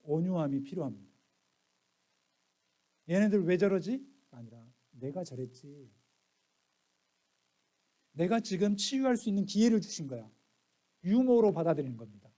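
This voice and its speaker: A middle-aged male pastor preaching, his voice pitched high for a man yet mellow and warm in tone. He tells stories and acts out the lines of others, dropping to near hushes and rising to loud bursts. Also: very animated, brisk, long pauses. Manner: storytelling, acts out family quotes, swings soft to loud. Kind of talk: sermon.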